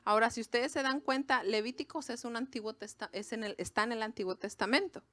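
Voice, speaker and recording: A woman's voice: fairly high pitch, quick pace, fairly bright tone, dry recording. A woman from Mexico with a Mexican accent, giving an informal sermon to a women's gathering in a conversational way, with asides to her listeners. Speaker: preacher.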